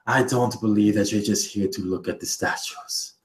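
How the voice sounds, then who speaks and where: A nervous court vizier, put on by a man, who pleads and stammers when cornered. His voice sits low, and it rings in a roomy space. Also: steady tone, normal speed, close to an everyday voice. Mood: wary. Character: anxious scheming male court vizier.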